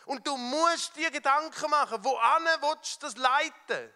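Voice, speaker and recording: Bright high-voiced Swiss German preacher. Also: male voice, measured pace, creaky. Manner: fervent storytelling, swinging from loud to hushed. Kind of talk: sermon. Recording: long hall reverb with faint music.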